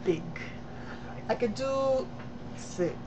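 Young woman, high voice, very unhurried casual chat, home webcam sound. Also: expressive. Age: young adult. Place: small home room, indoors. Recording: faintly noisy webcam room recording.

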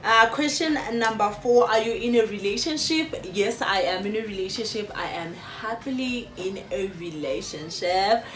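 A woman's voice: mid-range voice, lively intonation, normal speed, hardly any pauses, echoey room. A South African woman in her late twenties, chatting casually to viewers in a Q&A vlog with lots of fillers, filmed on a phone on a sofa. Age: late 20s. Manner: chatty, warm-hearted address to viewers, frequent fillers. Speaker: YouTuber. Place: indoors on a sofa in a small room. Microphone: phone camera.

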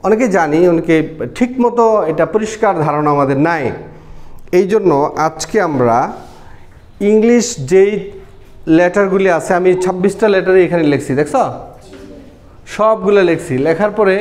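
High-voiced Bangladeshi teacher drilling letter sounds. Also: male voice, darkish tone. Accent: Bangladeshi Bengali. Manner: asks pupils questions, repeats sounds slowly. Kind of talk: classroom phonics lesson.

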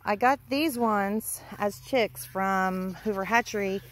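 A woman walks through her farm outdoors, filming on a phone camera and casually narrating in a slow, medium-pitched voice. Chatty and sweet with the animals, she's unsure of the breeds as she gives her tour.

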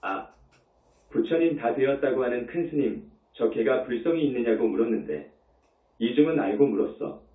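A man's voice: medium pitch, expressive, moderate pace, distant mic. Male monk preaching over a tinny echoey line. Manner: emphatic, repeats points with rhetorical questions. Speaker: Buddhist monk. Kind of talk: Buddhist dharma talk.

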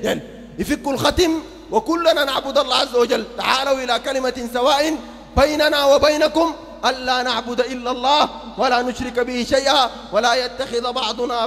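A man preaching a sermon in a Sudanese Arabic accent, mocking and combative, breaking into loud outbursts. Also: very high-pitched, vocal fry, in a large hall. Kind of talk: open-air sermon.

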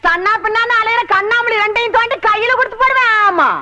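A shrill, fierce old village crone. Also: female voice, fast, exaggerated voice. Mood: scolding. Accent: Kongu Tamil. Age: older. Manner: shrill threatening scolding. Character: fierce old village woman, quarrelsome, snaggle-toothed. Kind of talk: film comedy dialogue. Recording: loud hiss on an old film soundtrack.

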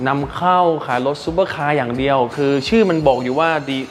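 A man's voice: fairly high pitch, fast, a little hiss or hum. Patient man spelling out vocabulary. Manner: patient explainer who spells words letter by letter; polite, with frequent soft sentence-end particles. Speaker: English teacher and show host. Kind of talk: casual on-location vocabulary lesson. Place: car showroom.

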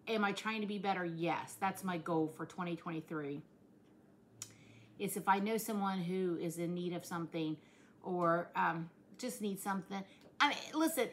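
A woman's voice: mid-range voice, fairly bright tone. A middle-aged woman, chatting casually to camera in a plainspoken, earnest, folksy way. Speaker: vlogger. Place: home kitchen, indoors. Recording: clearly noisy home recording.

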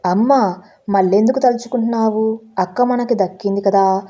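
A woman's voice: a little high, moderate pace, warm tone, close to an everyday voice. A woman reading as a consoling young son. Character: young adult son, impatient but consoling.

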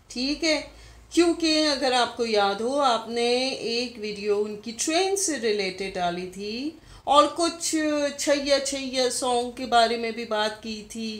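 High-voiced woman scolding into her phone. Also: a bit bright. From Pakistan. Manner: indignant, scolding, rhetorical questions. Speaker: YouTuber replying to another vlogger. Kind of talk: confrontational video diary rant. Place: living room at home, indoors. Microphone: phone camera at arm's length.

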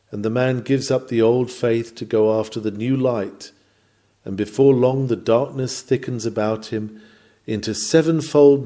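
A man with a mid-range, dark-toned voice reads a historical sermon from a script. His delivery is solemn, emphatic and rhetorical, in full oratorical style.

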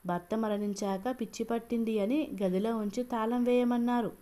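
A woman's voice: a little high, steady tone, normal speed, mellow, lightly acted. A woman voicing a grieving middle-aged man who explains, tearfully, what has happened to his mother in a storybook reading. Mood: sorrowful. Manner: sorrowful and explaining.

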